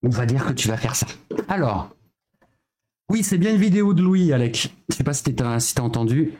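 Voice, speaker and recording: A man's voice: medium pitch, lively intonation, fairly quick, warm tone. A man streaming live, chatting casually while setting up a reaction video and thinking aloud with little filler sounds.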